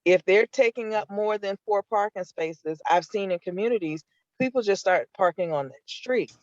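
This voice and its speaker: Over a patchy call connection that keeps breaking up, a community member asks pointed questions at a neighborhood meeting. The voice is mid-range and somewhat dark, at a moderate pace, with no echo and the highs cut off.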